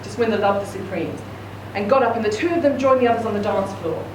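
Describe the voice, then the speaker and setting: Fast and steady, a medium-pitched woman narrates a short story aloud at a live reading event. Sound comes through a distant mic in an echoey, noisy room.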